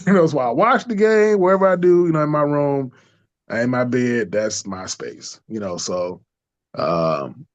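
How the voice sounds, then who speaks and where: A man telling a personal story in a casual interview, lively, laughing often and acting out the voices of people he quotes. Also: mid-range voice, a little slow, dry recording. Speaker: interview guest. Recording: dull lo-fi dry sound.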